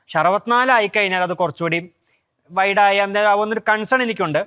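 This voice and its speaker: A man joins a casual football panel, his voice high and his pace quick. He states his views firmly and circles back over the same phrases to drive them home. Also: sharp tone, clean tone. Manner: opinionated, argues his view with repeated phrases.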